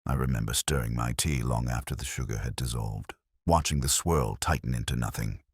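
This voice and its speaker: A man playing a weary, reflective police inspector, narrating his case in a measured, literary, melancholy way for an audio drama. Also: very deep voice, slightly rough, dry recording, clean studio sound, heavily acted. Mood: melancholy, musing. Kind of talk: scripted first-person detective narration, audio drama.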